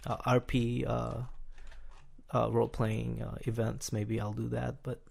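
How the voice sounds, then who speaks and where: A man with a gravelly, fry-edged voice hosts a laid-back podcast chat. He talks in halting bits, stacking fillers and restarting his sentences, and often chuckles mid-thought. His pitch sits at a middling level. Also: monotone, darkish tone. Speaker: podcast host.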